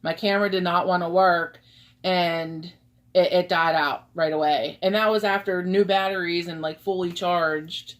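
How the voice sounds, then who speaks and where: A woman's voice: lowish voice, fairly even intonation, moderate pace. A woman co-hosting a live stream about ghost hunting, talking casually with lots of "um" and "like" and frequent laughter. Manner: chatty, laughs often, fillers like "um" and "like". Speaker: paranormal investigator, co-host.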